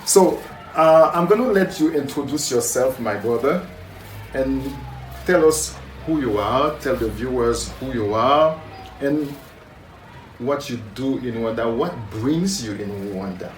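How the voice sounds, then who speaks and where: A man hosting an interview, introducing his guest and asking questions in a slow, deliberate way. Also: medium pitch, expressive, echoey room, distant mic, a little hiss or hum, low-quality recording. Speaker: interviewer, channel host. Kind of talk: conversational interview.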